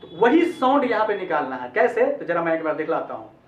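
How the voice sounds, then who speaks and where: A man's voice: fairly high pitch, sing-song, fairly quick, a little hiss or hum. A man teaching English pronunciation in a lesson, repeating each sound several times and calling the viewers friends. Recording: echoey, distant, dull lo-fi sound.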